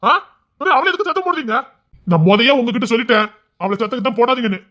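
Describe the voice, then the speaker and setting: Performer playing a young husband, policeman, blunt, rapid speech, scolding, family drama skit. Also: medium pitch, very animated, bright, forceful tone, muffled recording. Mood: arguing.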